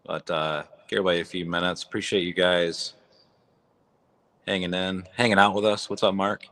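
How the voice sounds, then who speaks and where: A man's voice: low voice, level tone, brisk, a bit bright. A man hosting a casual livestream from a barn, his voice echoing, talking in a raw, blunt, rambling way. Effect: echoey barn sound. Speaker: livestream host. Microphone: phone or app mic.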